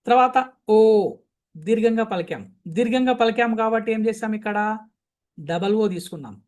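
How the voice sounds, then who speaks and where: A man teaching spoken English, who repeats each sound several times and answers his own questions. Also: high voice. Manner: drills sounds by repeating them slowly and with emphasis; asks questions and then answers them himself. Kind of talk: language lesson.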